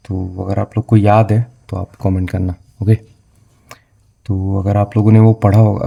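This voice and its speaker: A man's voice: on the low side, mellow. A young man teaching exam vocabulary, mixing in English terms and often asking a question and then answering it himself. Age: young adult. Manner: asks questions, then answers them; frequent "theek hai na"; mixes English words into his speech. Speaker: vocabulary tutor. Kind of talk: explaining vocabulary for exam prep.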